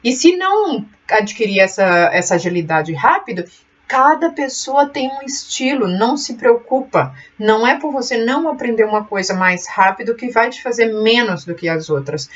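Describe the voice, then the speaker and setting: A woman with a slightly high voice and a mixed Brazilian and European Portuguese accent, born in Brazil and raised in Portugal, hosts a beginners' computer tutorial channel. Talking casually to camera about her channel, she is chatty and encouraging, with many fillers and restarts. Her voice sits a little back from a distant mic in a dull, lo-fi home recording.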